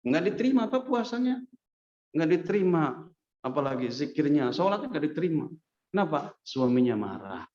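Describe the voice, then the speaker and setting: A man preacher giving a casual, lively hadith lesson in a mosque, often turning to his listeners and acting out quotes. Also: fairly high pitch, normal speed. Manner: lively, addresses listeners as Pak, acts out quotes. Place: mosque hall. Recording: echoey dull mosque recording.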